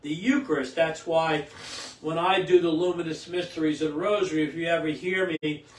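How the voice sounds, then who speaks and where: Older male priest, fairly high voice, steady reading, then a loose homily, distant and echoey. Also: fairly quick, slight background noise. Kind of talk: scripture reading and homily at Mass. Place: small indoor home chapel. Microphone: camera a few feet away. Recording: roomy echo, distant from the mic.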